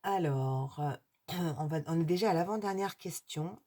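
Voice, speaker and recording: A woman's voice: low-pitched, normal speed, mellow. A middle-aged woman vlogging casually to her viewers, hesitant, with many fillers and restarts. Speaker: YouTuber answering a tag.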